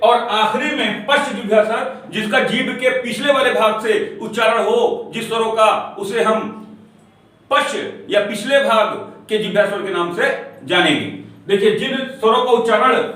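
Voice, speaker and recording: A male teacher giving a grammar lecture, slowly repeating each sound and often checking that students follow. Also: high voice, fairly bright tone. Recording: echoey room, voice from far off.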